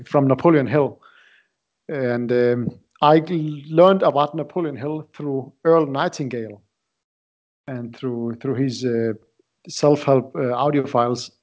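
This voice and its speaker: A man in his late twenties, originally from Iraq, talking as a podcast guest in a halting way, often repeating words as he searches for them. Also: medium pitch, a little mellow. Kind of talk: casual interview talk. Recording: dull lo-fi audio.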